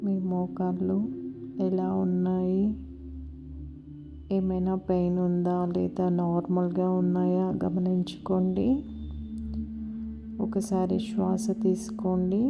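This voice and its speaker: Woman meditation guide, low, flat, unhurried and a little gravelly; dull recording over soft music and a singing bowl. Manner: slow, soft and soothing, with long pauses. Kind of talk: guided body-scan meditation. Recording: slightly dull audio with music behind.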